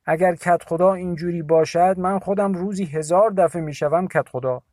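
A man's voice: high-pitched, a little mellow, dry recording, studio quality, pitched above the performer's own voice, natural voice. A man voicing a scornful older village man who scoffs, in an audiobook. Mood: mocking. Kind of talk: audiobook character voice.

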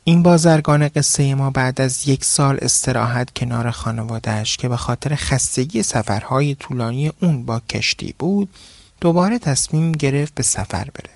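A man's voice: medium pitch, gravelly, a little mellow, dry recording. A man narrating a folk tale as a podcast storyteller.

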